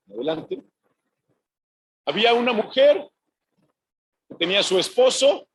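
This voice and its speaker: A man's voice: high voice, a bit bright, husky, rough recording. A male pastor from Mexico preaching a sermon, often asking the congregation "yes or no?" and retelling scenes in quoted voices. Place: church sanctuary.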